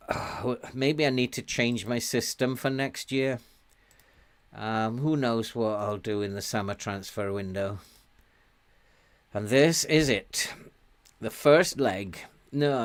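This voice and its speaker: Slow chuckling man in his sixties. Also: medium pitch. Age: 60s. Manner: chuckling, self-mocking, slow and chatty. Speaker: let's play host. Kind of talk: casual game commentary.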